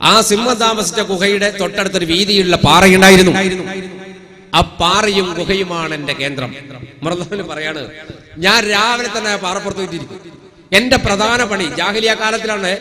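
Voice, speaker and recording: A man's voice: high-pitched, pushed and bright. A man narrating a dramatic religious story in the first person on stage. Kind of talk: Islamic kathaprasangam storytelling.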